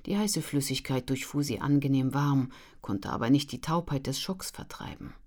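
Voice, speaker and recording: Low-voiced woman narrating a story. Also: moderate pace, darkish tone. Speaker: audiobook narrator. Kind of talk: scripted narration.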